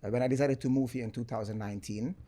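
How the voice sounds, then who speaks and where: Mid-range in pitch and talking very fast, this podcast guest is a sports entrepreneur from Germany. He tells stories casually during the interview, constantly tacking on "right?" and sprinkling in "you know".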